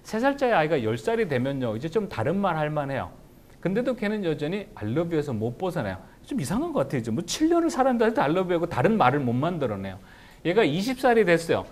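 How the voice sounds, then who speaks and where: Animated man lecturing teachers. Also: a little high. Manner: animated, shouts example phrases, slows down for English sentences.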